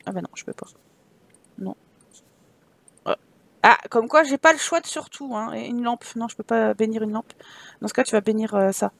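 A woman's voice: on the high side, normal speed, gravelly, pauses often, no echo. A woman hosting a casual let's play, chatting, reading game text aloud and joking to herself.

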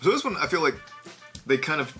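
A man's voice: fairly high pitch, sing-song, a little fast, fairly bright tone, faint music behind. A man, talking while chewing in a casual, chatty taste-test vlog. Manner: chatty, candid, playful asides. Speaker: vlogger.

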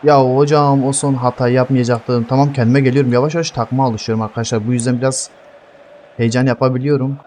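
A young man giving heated live gameplay commentary, swearing constantly and yelling at his teammates. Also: medium pitch, fairly even intonation, fast talker, slight background noise. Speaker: gaming streamer.

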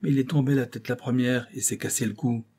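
A man voicing a rough sailor in an audiobook, gruffly making excuses. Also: medium pitch, steady tone, fast, dark tone, voice pushed up, lightly acted. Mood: defensive. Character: rough male sailor, nervous and defensive.

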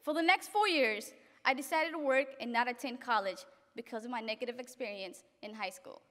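A young woman from Africa reading a graduation speech at a podium in an event hall, earnest and halting at times. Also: fairly high pitch, fairly bright tone. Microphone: podium microphone. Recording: reverberant hall.

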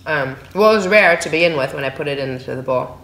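Her voice is deep and fast as this San Francisco woman in her thirties chats casually in her food vlog, eating at her dining table in a small room at home. The recording from the phone camera on the table is low quality and echoey, and she sounds relaxed and chatty between bites.

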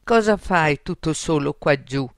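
A shy little male mole from a storybook, put on by a woman reading aloud, speaking in a trembling voice that rises above the reader's own. He mumbles and fumbles his words and stays timid throughout, heard slow and close in a dry room. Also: lively intonation, no echo. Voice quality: trembling, low. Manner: embarrassed, mumbling.

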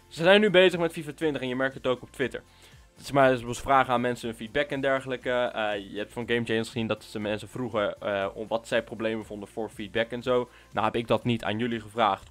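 A chatty man with a slightly raised pitch gives loose, rambling commentary over his gameplay. He rants freely and fills his pauses with "eh". Faint music plays behind him. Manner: chatty, ranting, many fillers. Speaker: gaming YouTuber.

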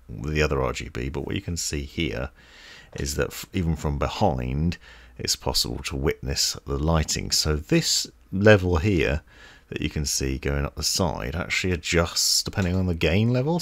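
Very deep, gravelly male tech reviewer. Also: animated, normal speed, dry recording. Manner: explanatory, demonstrating gear step by step. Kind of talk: casual product review demo. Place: desk setup indoors. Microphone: desk microphone on boom arm.

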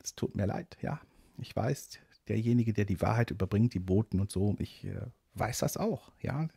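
Man, middle-aged, podcast coach, blunt and direct, husky low voice, dry close sound. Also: expressive, moderate pace, warm tone, dry recording. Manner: blunt, direct, addresses listener as du. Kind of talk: casual monologue podcast.

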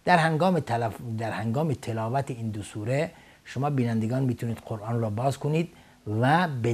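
A man teaching Quranic recitation on a television lesson, speaking in a measured, formal way with frequent hesitation fillers. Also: medium pitch, a little mellow. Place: TV studio.

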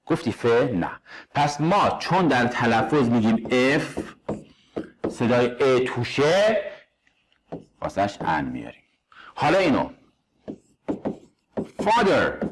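Lively Persian-accented male English teacher. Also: mid-range voice, background noise. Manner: quizzing students, reading examples slowly. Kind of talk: grammar lesson walkthrough.

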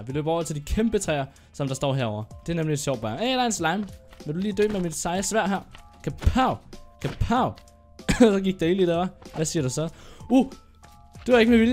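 A young man with a sore throat and an occasional cough, giving chatty, excitable gameplay commentary as he narrates his own moves. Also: on the high side. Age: young adult. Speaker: gaming YouTuber.

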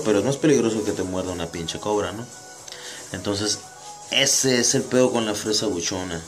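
A man with a Mexican Spanish accent in a casual, rambling monologue full of slang and joking asides. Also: medium pitch.

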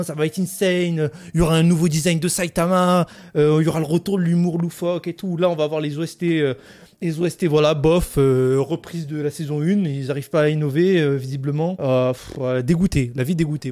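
Fast-talking high-voiced young man ranting. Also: a little mellow. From France. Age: 20s. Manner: indignant, exasperated ranting with heavy slang and swearing. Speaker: anime YouTuber. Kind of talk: ranting video review.

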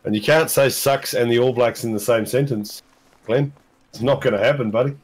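A man's voice: medium pitch, brisk, slightly rough. Joking man with a New Zealand accent. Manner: joking, laughs often. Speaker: streamer. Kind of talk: casual gaming chat.

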